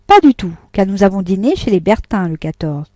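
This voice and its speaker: Woman playing a wronged wife, sharp, accusing, icy, raised voice, dry close sound. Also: mid-range voice, big pitch swings, fairly quick, no room sound, lightly acted. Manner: impatient, cold, pointed. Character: wronged wife, impatient, cold and hurt.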